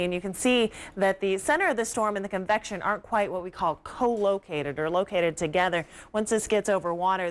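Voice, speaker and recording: A woman forecasting the weather on TV, explaining in a flowing, informal way. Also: mid-range voice. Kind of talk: live weather commentary.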